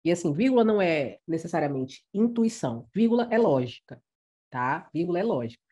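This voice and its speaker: A woman teaching grammar in a playful, chatty way, slightly hoarse from coughing. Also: lowish voice, sing-song, brisk, mellow. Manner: playful, chatty, teasing asides. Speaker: Portuguese writing teacher. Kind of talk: casual, humorous grammar lesson.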